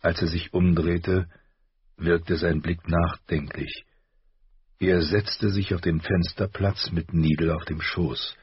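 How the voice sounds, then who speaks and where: A man narrating an audiobook in a slow, measured reading, with a husky voice. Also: deep voice, fairly even intonation, dry recording, highs cut off.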